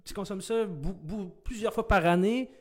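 Chatty Québécois man, slightly high voice. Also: normal speed. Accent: Québécois French. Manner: chatty, laughs easily, many fillers. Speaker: podcast co-host. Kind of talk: casual chat.

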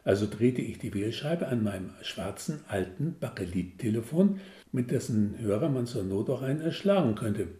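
A man's voice: mid-range voice, expressive, moderate pace, mellow. A man in his sixties reading his own humorous story aloud in a wry, self-mocking way. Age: 60s. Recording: roomy echo.

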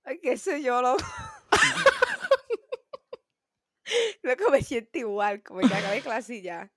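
A young woman with a Puerto Rican accent and a fairly high voice chats casually as a podcast co-host. She is informal and slangy, recorded dry and close. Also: huge pitch swings, takes it slowly, a bit bright, dry recording. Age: 20s. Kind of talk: casual chat.

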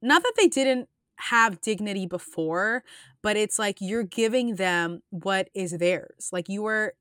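A woman hosts a casual podcast in a dry, close-sounding recording. Her voice sits at an ordinary middle pitch. She talks earnestly and rambles, often restarting her sentences and filling gaps with "um" and "like.". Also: expressive, measured pace, a bit bright, clear, resonant tone, no echo. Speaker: podcast host.

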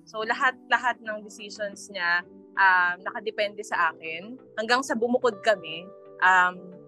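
A woman's voice: mid-range voice, sharp tone. A Filipino woman speaks in conversational Taglish, sliding between Tagalog and English within a sentence. She hesitates as she looks for words, with music audible in the recording. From Philippines. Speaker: podcast guest. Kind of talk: conversational interview answers.

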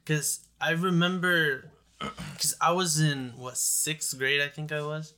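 A man's voice: on the high side, fairly even intonation, slow pace, bright, forceful tone. A young man co-hosting a casual movie chat, rambling in frat-bro slang full of "like". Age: young adult. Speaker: podcast co-host.

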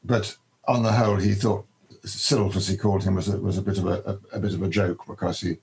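Older man, gravelly, halting answers. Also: deep voice, level tone, a little mellow, rough recording. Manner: hesitant, many ums and restarts. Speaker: biographer, interview guest. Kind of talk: conversational interview answers.

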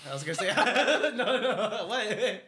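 A man's voice: high voice, expressive, a little slow, crowd noise. A young man hosting a casual chat, playful and goofy, laughing often between words. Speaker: podcast host.

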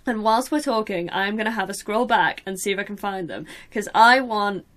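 Chatty woman hosting a podcast. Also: mid-range voice. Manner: chatty, animated, quick to laugh. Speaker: podcast host. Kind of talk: casual chat.

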